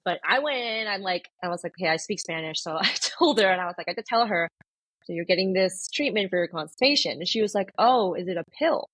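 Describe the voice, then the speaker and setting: A woman's voice: medium pitch, expressive, quick pace, a bit bright, slightly rough, dry recording. A woman, an oncology nurse, telling stories in a chatty way with many fillers on a podcast. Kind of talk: casual podcast chat.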